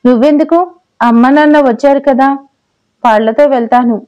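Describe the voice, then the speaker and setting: A woman's voice: high-pitched, fairly quick, darkish tone, close to an everyday voice. A woman voicing a playful, teasing young wife in an audio story. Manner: teasing, pouty. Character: playful pregnant young wife, mock-sulky.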